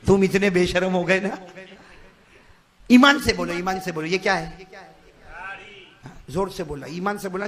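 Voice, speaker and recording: Male preacher, very high voice, hushed coaxing to shouted fervor, calls on the crowd. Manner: swings from quiet coaxing to shouted fervor, urging the crowd to answer. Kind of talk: live sermon to a congregation.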